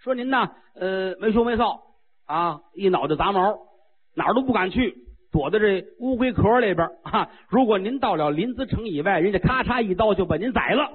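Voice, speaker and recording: A man voicing a young female disciple who pleads and tattles in a high, urgent, whiny way. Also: expressive, a little fast. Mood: pleading. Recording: tinny lo-fi radio broadcast.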